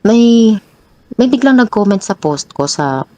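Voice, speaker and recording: A young woman telling her own troubling story as a guest, growing animated and restarting often as she recounts arguments. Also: a little slow, a little hiss or hum. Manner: animated, pitch jumps high when retelling arguments; frequent restarts and repeated words. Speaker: guest sharing a personal story. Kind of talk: emotional personal storytelling.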